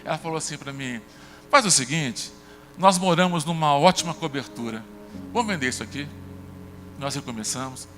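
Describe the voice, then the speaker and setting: A Brazilian man preaching a sermon as pastor, telling personal stories and acting out the dialogue with lively shifts of voice. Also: normal speed, pauses often, in a large hall, faint music behind. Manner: conversational storytelling, acts out dialogue with shifts in pitch. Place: church sanctuary.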